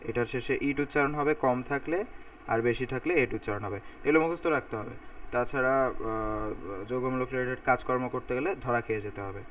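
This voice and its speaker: A man's voice: mid-range voice, quick pace, fairly bright tone, dull audio. Man teaching chemistry from a distance. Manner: talks while writing on a board, thinking aloud, repeating sounds to drill pronunciation. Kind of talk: recorded lecture explaining formulas. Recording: voice a bit far from the mic.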